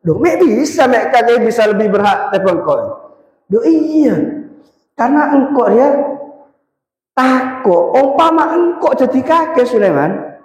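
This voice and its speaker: A man tells a story as he preaches, animated and often turning to the crowd with "Pak" and "Kak". His voice sits high for a man. It rings through a big mosque hall with a long echo. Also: unhurried. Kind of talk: storytelling sermon. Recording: echoey hall with long reverb.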